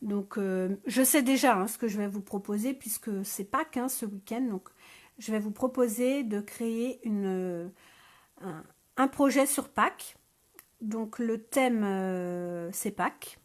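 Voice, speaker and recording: A woman with a mid-range voice and a measured pace hosts a scrapbooking live stream in French, recorded on a phone. She chats casually with her viewers, with lots of hesitations and fillers.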